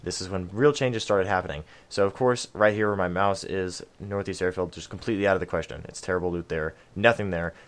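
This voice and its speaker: A man's voice: low voice, steady tone, fairly quick, few pauses. A man giving a casual map guide for a video game, chatty, with lots of ums and self-deprecating asides. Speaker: gaming video creator.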